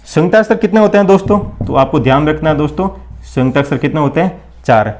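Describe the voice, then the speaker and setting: A man's voice: on the high side, fast, darkish tone. A man teaching an exam-prep lesson, repeating each question and answer in call-and-response drills and keeps calling his listeners friends. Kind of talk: blackboard lesson for exam preparation.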